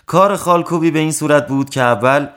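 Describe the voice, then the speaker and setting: A man reading a traditional story aloud, narrating in a clear, expressive way. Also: fairly high pitch. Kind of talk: reading a folk tale aloud.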